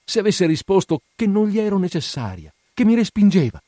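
A man reading aloud, voicing a heartbroken, desperate young woman who pleads in high, anguished cries. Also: big pitch swings, a little fast, mellow, dry recording, clean studio sound.

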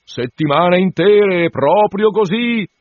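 A man's voice: high voice, slow, dry recording, pitched above the performer's own voice. A man voicing a jovial country curate who is fond of the hunt, with a hearty, chuckling manner, in a dull, dry recording.

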